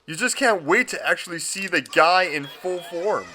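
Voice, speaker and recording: A man's voice: sits high, normal speed, a little hiss or hum. A man giving a comedic movie review, gushing and swearing often. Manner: profane, excitable and gushing.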